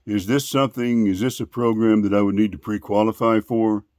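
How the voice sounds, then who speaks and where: A man in casual phone conversation, asking questions in a polite, deliberate, long-winded way. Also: lowish voice, steady tone, darkish tone, dry recording, clean studio sound. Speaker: call recipient.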